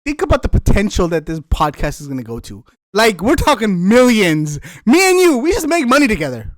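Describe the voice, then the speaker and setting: A man's voice: sits high, huge pitch swings, fairly quick, no echo. A man co-hosting a casual podcast, goofy and swearing a lot. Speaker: podcast co-host.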